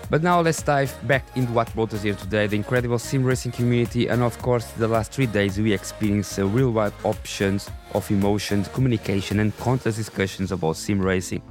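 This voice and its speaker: Raspy, low-voiced male podcast host, non-native English. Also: fairly quick, hardly any pauses, soft background music. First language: not English. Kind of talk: scripted podcast narration.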